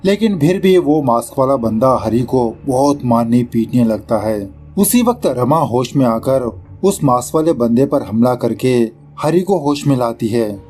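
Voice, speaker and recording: A man's voice: mid-range voice, lively intonation, unhurried, few pauses, darkish tone, faint music behind. A man narrating a film recap in a casual, chatty voice-over, slipping English words into his telling and poking fun at the director. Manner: mocks the film's director mid-story. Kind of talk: casual movie explanation voice-over.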